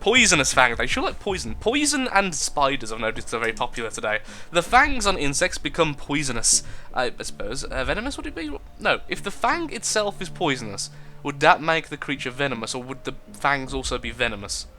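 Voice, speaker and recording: A young man hosts a gaming video, chatting and joking through the game and reading the on-screen text aloud. His mid-range voice is very animated, bright, and forceful, moving a little fast with few pauses.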